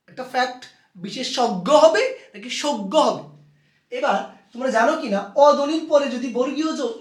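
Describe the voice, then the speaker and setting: A man teaching a pronunciation lesson, addressing students fondly and slowly repeating each rule. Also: extremely high pitch, far from the mic. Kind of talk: recorded Bangla pronunciation lesson. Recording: echoey room, voice off-mic.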